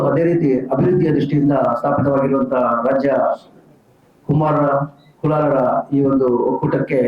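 A man representing an organization at a press meet, giving a formal prepared statement in measured phrasing. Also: on the high side. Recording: echoey room, dull sound.

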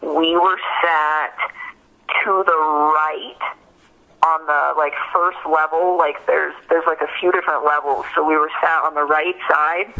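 This woman, interviewed by phone as a witness, has a low, steady voice that's unhurried yet pushed and bright. Her account is hesitant and loose, full of fillers and frequent "like"s, heard through a dull, low-fidelity phone recording.

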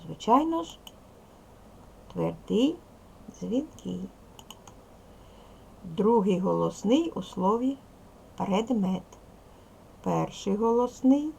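Gravelly-voiced woman teacher quizzing children. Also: mid-range voice, a little mellow, a little hiss or hum. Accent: Ukrainian. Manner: patient, questioning, prompting children with repeated questions. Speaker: primary school teacher. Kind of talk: classroom lesson, addressing young pupils. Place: classroom.

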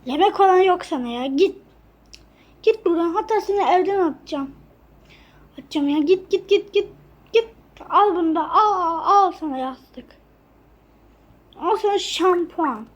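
A woman's voice: very high-pitched, animated, normal speed, long pauses, highs cut off. A woman voicing a cruel, bossy stepmother who barks harsh, mocking orders in a game role-play.

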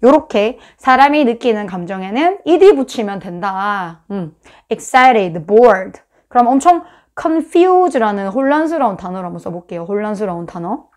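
A woman's voice: mid-range voice, very animated, moderate pace, a little mellow. A woman with a Busan accent explaining English grammar in a casual, chatty lesson, acting out examples with sound effects. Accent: Busan Korean. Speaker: English teacher.

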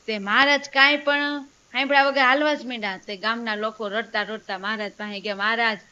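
A woman's voice: fairly high pitch, steady tone, brisk, pushed and bright, clean tone, muffled recording. A woman telling a devotional story, acting out the voices of its characters as she goes. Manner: storytelling with quoted dialogue. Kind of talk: religious story narration.

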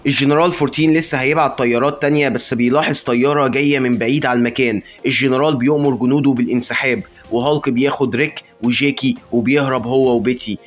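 A man with an Egyptian Arabic accent retells a comic-book story at a rapid clip, moving from one event to the next. His voice sits at an ordinary middle pitch, with faint music playing under the narration. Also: fairly even intonation. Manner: brisk storytelling, acting out dialogue. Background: faint background music.

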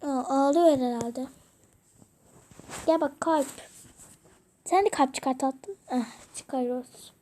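A woman's voice: high-pitched, takes it slowly, pauses often, warm tone. A young woman casually commenting as she plays a game, chatting playfully to her viewers and the characters. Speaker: gaming video creator.

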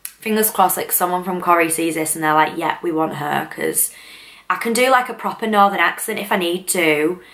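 A woman's voice: lowish voice, moderate pace, fairly bright tone. A woman in her twenties from northern England, chatting casually and rambling to camera in a vlog, full of fillers. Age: 20s. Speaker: vlogger.

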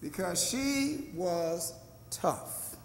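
An older male pastor with a high-pitched, animated, gravelly voice preaches a sermon from the pulpit of a small church, stretching out his words. He draws answers from the congregation in call and response and rises to fervent emphasis. The echoey church hall carries a slight hiss or hum.

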